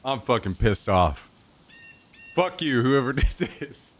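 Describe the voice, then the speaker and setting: A man's voice: mid-range voice, big pitch swings, takes it slowly. Profane, exasperated male streamer ranting. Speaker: live streamer. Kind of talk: casual live stream rant.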